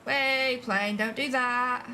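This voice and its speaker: Speaking slowly in a fairly high, bright and forceful voice with fairly even intonation, a woman from England gives casual live commentary while playing a flight simulator, musing aloud and doubting her choices. She sits a bit away from the mic, with slight background noise and faint music.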